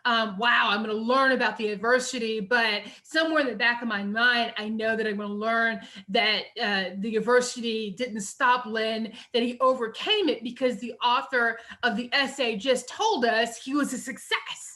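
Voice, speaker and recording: Bright-voiced chatty woman teacher. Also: fairly high pitch, normal speed, few pauses. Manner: chatty, lots of fillers and "you know". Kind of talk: recorded lecture on essay writing.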